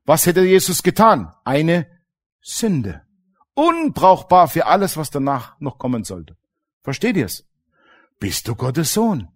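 A middle-aged male pastor preaching with a voice that rises and falls a great deal. He pitches his speech a little higher than most men and drives his points home with emphasis. He keeps checking in with the congregation through rhetorical questions. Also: wildly swooping pitch, a little slow. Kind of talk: sermon.

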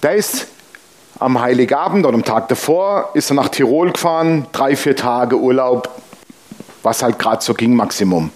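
A man's voice: medium pitch, lively intonation, normal speed, darkish tone. A male pastor preaching a sermon, telling personal anecdotes and pressing the congregation with emphatic rhetorical questions. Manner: conversational storytelling, exclaims Amen.

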